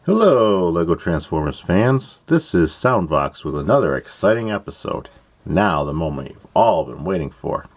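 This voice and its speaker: Deep-voiced man walking through a build. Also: animated, moderate pace, dry recording. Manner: chatty, explains each step plainly, playful asides. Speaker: host of a toy-building channel. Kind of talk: casual step-by-step build tutorial.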